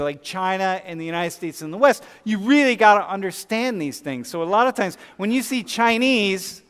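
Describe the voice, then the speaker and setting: A male professor chats his way through a lecture, his voice sitting a little high. He talks casually, full of fillers and restarts. A long reverb from the lecture hall trails behind every word. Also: fairly bright tone, smooth. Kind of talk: classroom lecture with student questions.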